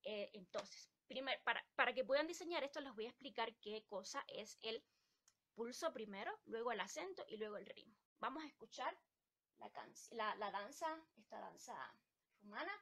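High, bright woman from Ecuador teaching a live music class, patient, sings the beats. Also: very animated, normal speed. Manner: explains patiently, sings rhythm syllables to show beats. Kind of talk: live-stream music lesson.

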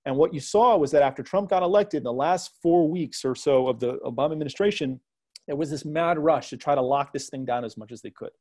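A man's voice: on the high side, brisk, a little mellow. A man speaking as a guest analyst in a panel discussion, hesitant, with many fillers and restarts and a touch of wry sarcasm.

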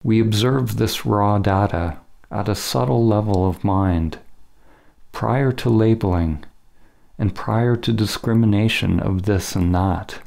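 Acting as a teacher, a man delivers a scripted spiritual meditation in deliberate, measured phrasing with brief pauses. His pitch is fairly low, with vocal fry and a darkish tone.

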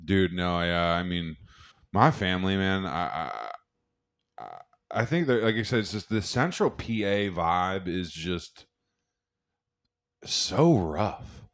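Speaking slowly with long pauses, a young man co-hosts a podcast in rambling, casual conversation, swearing freely and restarting often. His low voice is expressive, and the studio recording is clean with no echo.

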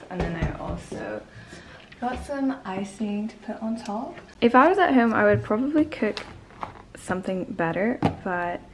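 A woman's voice: mid-range voice, noisy background. A young woman vlogger chatting casually to camera at home. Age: young adult. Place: indoors in an apartment. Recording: roomy, distant mic, music behind.

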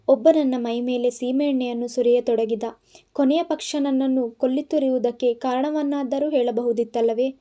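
Mellow-voiced woman narrating a story. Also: fairly high pitch. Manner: emotional, measured storytelling. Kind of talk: scripted dramatic narration.

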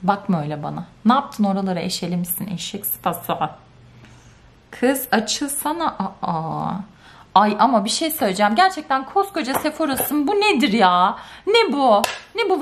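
Woman ranting animatedly in a vlog. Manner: animated, exasperated ranting with sudden high outbursts. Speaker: vlogger. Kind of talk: casual vlog chat to camera.

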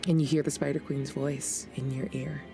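A woman's voice: a bass voice, little pitch movement, moderate pace, gravelly, music in the background. A middle-aged woman narrating a tabletop role-playing game as the game master in an indoor studio. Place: indoor studio set dressed as a tavern.

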